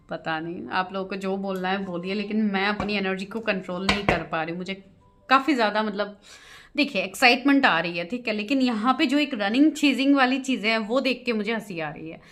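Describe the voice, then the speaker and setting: A woman's voice: medium pitch, a bit bright. A woman giving a tarot reading to her viewers, chatty, often laughing and mixing English phrases into her talk. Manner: giggly, keeps breaking into laughter. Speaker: tarot reader.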